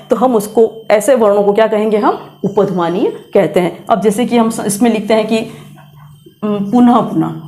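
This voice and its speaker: A woman's voice: on the high side, a little mellow. A middle-aged woman teaching grammar, patiently explaining and repeating sounds aloud to demonstrate pronunciation. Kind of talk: classroom lesson, explaining pronunciation.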